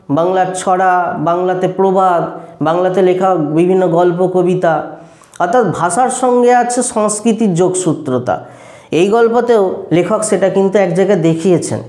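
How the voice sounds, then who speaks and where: A man's voice: high voice, darkish tone, roomy sound. A male teacher explaining a school lesson, asking himself questions and answering them, often repeating phrases.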